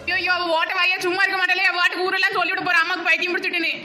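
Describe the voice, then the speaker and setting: A woman's voice: very high-pitched, flat delivery, very fast, over music. A woman with a Tirunelveli Tamil accent, voicing cartoon comedy in a complaining, protesting way. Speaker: voice actor.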